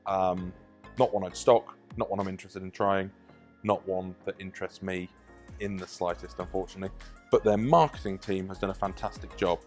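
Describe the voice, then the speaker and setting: A low-voiced man speaks as a supplement shop owner, measured and plain-spoken, pausing now and then on an um. Faint music sits behind him. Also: fairly even intonation, a little mellow. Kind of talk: guest review comment.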